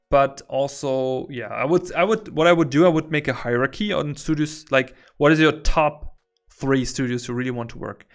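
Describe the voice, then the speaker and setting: A man chatting casually on a livestream while he draws, rambling and easily amused. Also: medium pitch. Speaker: artist streaming while drawing. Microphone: headset.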